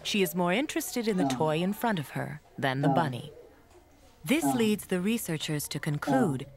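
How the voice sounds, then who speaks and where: A woman reading scripted documentary narration in a measured, explanatory way. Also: lowish voice, very animated.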